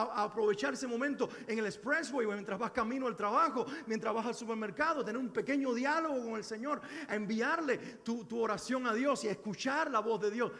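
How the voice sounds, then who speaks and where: A man's voice: very high-pitched, a bit bright. A middle-aged male pastor preaching a sermon, earnest and exhorting, with many rhetorical questions. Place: church sanctuary. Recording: echoey church hall.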